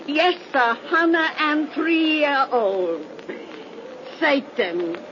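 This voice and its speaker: An ancient, gleeful witch tells ghost stories in a 1930s radio horror play. Her high voice draws out folksy, old-fashioned words very slowly, under the heavy noise of an old recording. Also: fairly bright tone, highs cut off. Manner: folksy archaic speech, slow and drawn out.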